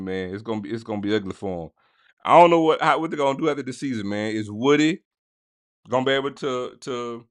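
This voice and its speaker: A man hosting a casual sports podcast, talking straight to his listeners in slangy, animated bursts. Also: medium pitch, no echo, clean studio sound. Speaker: podcast host.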